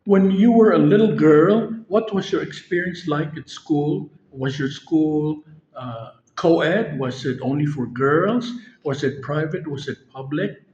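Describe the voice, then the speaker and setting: A man's voice: on the high side, measured pace, a little mellow. Polite man interviewer, muffled audio. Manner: formal and polite. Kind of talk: interview questions. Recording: dull lo-fi audio.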